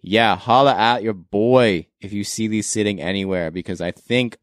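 A man's voice: on the low side, normal speed, dry recording, studio quality. A young man from Canada hosting a casual sneaker podcast, enthusiastic and slangy, laughing often. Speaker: podcast host.

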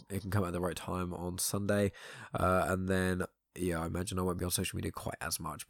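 A British man with a croaky voice, hosting a podcast in a casual, rambling, hushed late-night manner. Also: no echo, clean studio sound. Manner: hushed, late-night low-key delivery. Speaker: podcast host.

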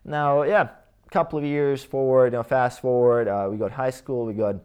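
A man in his thirties, a native Croatian speaker from the Croatia/Bosnia region, talks with a Croatian accent as a guest in a casual life-story interview. His voice is medium-pitched, steady, clean and somewhat dark, at a moderate pace. He rambles about his past with many fillers and restarts.

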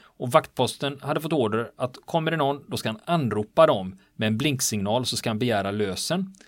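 A man with a mid-range voice tells a wartime history in animated, casual speech, voicing the dialogue of those involved as he goes. He is on the island where it happened, and the recording has no echo.

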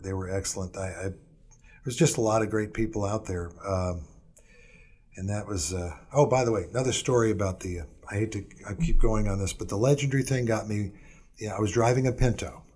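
Interview guest, middle-aged man, lowish voice, meandering and hesitant storyteller. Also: darkish tone. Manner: rambling, hesitant, many fillers and restarts.

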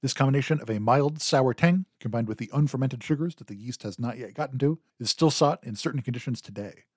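A man's voice: mid-range voice, quick pace, a little mellow, breathy edge, no room sound. A man hosting a history podcast, explaining and retelling a myth with dry humor. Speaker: podcast host.

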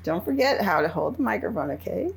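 A woman hosting an interview, chatty and quick to laugh. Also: on the low side, sing-song, gravelly, a crowd in the background. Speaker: host.

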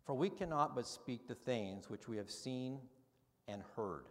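A male pastor delivering a sermon, moving from quiet, conversational explanation into loud, emphatic preaching. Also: medium pitch, lively intonation, measured pace, in a large hall.

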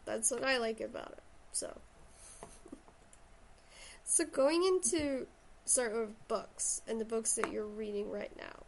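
A podcast host and writer from Shetland, Scotland, chats casually and enthusiastically about books in a Shetland accent. Her voice is on the high side, slow and touched with vocal fry, over slight background noise.

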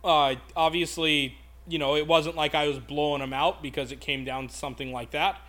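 A man with a notably high voice chats on a casual podcast. He tells stories in an animated, profane rush, venting about bad luck and laughing at himself. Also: a little fast. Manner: animated, profane ranting storyteller. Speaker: podcast co-host.

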